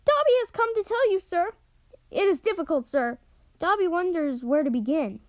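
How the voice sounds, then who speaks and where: A woman voicing a small, tearful, devoted male house elf with a high, squeaky voice and an earnest, servile manner. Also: expressive, moderate pace, no echo. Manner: earnest, servile, always says sir. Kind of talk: audiobook character reading.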